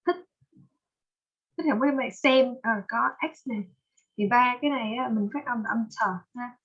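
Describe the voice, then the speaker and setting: A woman teaching English pronunciation with a Vietnamese accent, patiently drilling words and repeating them slowly. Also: a little high, husky, muffled recording. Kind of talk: online pronunciation lesson.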